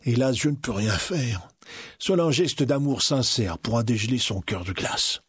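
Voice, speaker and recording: An old troll elder, played by a man, husky and breathy, speaking with grave solemnity. The voice sits close and dry, with no room around it. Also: mid-range voice, animated, measured pace, no echo. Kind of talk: storybook audio acting.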